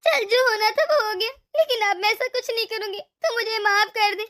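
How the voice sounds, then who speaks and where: A woman's voice: very high voice, fairly quick, a bit bright. A woman voicing a remorseful older mother-in-law in a cartoon, pleading for forgiveness. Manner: tearful, pleading. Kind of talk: cartoon voice acting.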